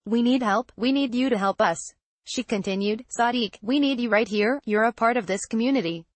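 A woman reading a news article aloud as scripted narration, in an even, flat delivery. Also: on the high side, normal speed, no room sound. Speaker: news reader.

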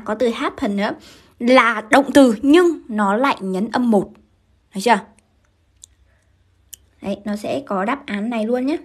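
A woman English teacher from Vietnam, running a live-streamed grammar lesson and keeping her viewers engaged by asking them to confirm as she goes. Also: a little high. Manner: brisk, keeps asking students to confirm.

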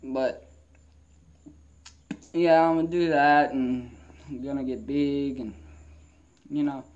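A man's voice: medium pitch, steady tone, slow pace, a little mellow. A young man chatting casually in a rambling vlog, his speech slightly muffled by a lip full of dipping tobacco. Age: young adult. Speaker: vlogger. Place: mostly inside a wooden garage or shed with an open door. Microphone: camera at arm's length.

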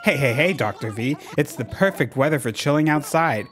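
A man voicing a laid-back, hungry male animal villager from a cartoon game by reading its lines slowly. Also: on the high side, animated, fairly bright tone, faint music behind. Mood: lazy.

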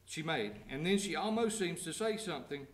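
A man preaching a sermon. He reads scripture slowly, then explains it in plain everyday words and asks the congregation direct questions. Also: a little high, animated, reverberant. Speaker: pastor. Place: church sanctuary.

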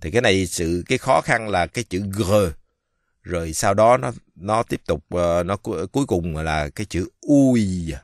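A man from Vietnam giving a casual pronunciation lesson, speaking slowly and haltingly with many fillers and drawing out the example words. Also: low-pitched, lively intonation, no room sound, studio quality. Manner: slow, halting, many fillers, repeats French words drawn out. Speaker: French teacher.

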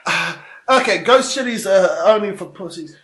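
Pained, high-voiced young man, echoey. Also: lively intonation, normal speed, crowd noise. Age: young adult. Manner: sweary, groaning. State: in pain from burning mouth. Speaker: chilli challenge participant. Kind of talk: casual chat. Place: kitchen and living room indoors. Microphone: handheld camera at a distance. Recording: echoey noisy room, distant camera mic.

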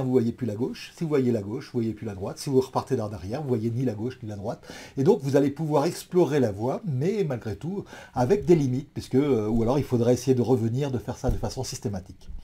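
Dark husky-voiced man lecturing. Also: mid-range voice. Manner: thoughtful, many hesitations and restarts. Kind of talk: explanatory talk to an audience.

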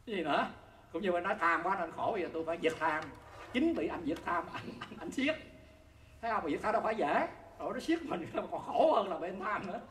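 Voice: mid-range voice, animated, fast talker, fairly bright tone. A Buddhist teacher gives a conversational dharma talk to an audience, often asking listeners whether they see the point and chuckling while explaining. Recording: roomy echo with faint background noise.

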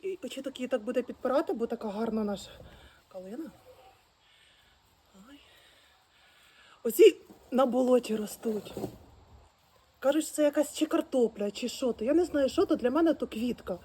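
A woman talking casually and with great excitement straight to her viewers, full of exclamations. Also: fairly high pitch, moderate pace, long pauses, slight background noise. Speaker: vlogger arranging flowers. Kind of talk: casual how-to chat. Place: outdoors at home, birds nearby.

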